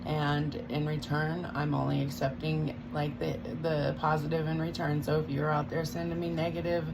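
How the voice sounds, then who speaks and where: Low, gravelly woman chewing gum as she talks. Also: little pitch movement, moderate pace. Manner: chewing gum while talking. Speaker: tarot reader. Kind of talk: casual spiritual guidance talk. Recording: loud background noise.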